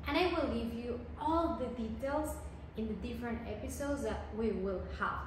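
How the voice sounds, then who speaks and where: Woman in her 30s, chatty pet vlogger, fairly high voice, camera across an echoey room. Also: background noise. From Venezuela. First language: Spanish. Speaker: dog owner vlogger. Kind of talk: casual talk to camera. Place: living room, indoors.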